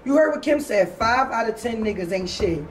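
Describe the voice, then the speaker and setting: A woman's voice: a little high, expressive, fairly quick, a little hiss or hum. A woman in casual chat, blunt and insistent, laughing often. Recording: roomy, distant mic with faint ambience.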